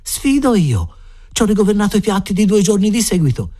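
A man's voice: sits high, big pitch swings, a little fast, mellow, pitched above the performer's own voice. A man voicing a naive, grumbling young kitchen hand who whines in dismay. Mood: whiny, disgusted.

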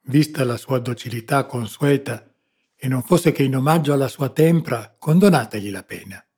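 A man's voice: medium pitch, moderate pace, darkish tone, husky. A man reading the part of a simple, good-natured visiting sea captain who speaks earnestly. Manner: earnest and impulsive.

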